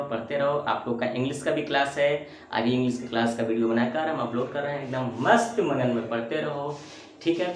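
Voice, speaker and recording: In a classroom math lesson on video, a man with a medium-pitched voice calls his viewers beta and bachcha and voices students' questions himself. The room is very echoey, with faint ambient noise.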